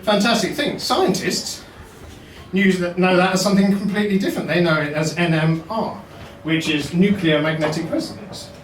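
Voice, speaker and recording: A man's voice: high-pitched, normal speed, far from the mic, slight background noise. A man performing a wry, self-deprecating stand-up comedy set in a basement comedy venue. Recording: roomy echo, mic heard from afar.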